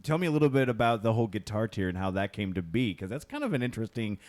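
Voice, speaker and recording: A man's voice: lowish voice, very animated, racing, a little mellow. A man hosting a live podcast in a small stuffy room, chatting loosely with plenty of fillers. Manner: loose, rambling, many fillers. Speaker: podcast host. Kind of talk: casual live podcast chat.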